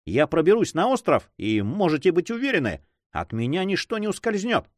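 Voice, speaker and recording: A man's voice: sits high, huge pitch swings, fairly quick, no echo, voice pushed up. A man voicing a bold, brash young male adventurer in a read-aloud story, dry close sound. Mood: confident. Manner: brash, self-assured.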